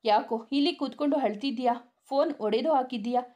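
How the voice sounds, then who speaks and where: A woman's voice: high voice, a little fast, warm tone, close to an everyday voice. Woman reading as a blunt caring student friend. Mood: firm. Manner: firm, scolding advice.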